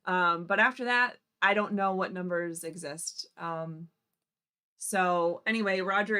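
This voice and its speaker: A woman's voice: medium pitch, a bit bright, clear, resonant tone. Chatty woman hosting a live call-in. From Upper Peninsula of Michigan. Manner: chatty, informal, thinking aloud. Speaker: host of a live legal call-in show. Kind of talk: casual live-stream chat.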